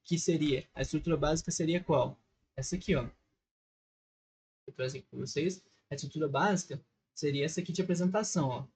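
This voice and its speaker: A man's voice: on the high side, brisk, a little mellow, husky. A man with a Brazilian Portuguese accent, an English teacher explaining a lesson over a screen recording, patient and constantly checking in with short questions.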